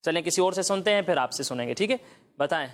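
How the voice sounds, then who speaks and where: Children's Quran teacher, patient quizzing, slow demonstration of each sound, mid-pitched voice. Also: expressive. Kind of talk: children's Quran recitation lesson.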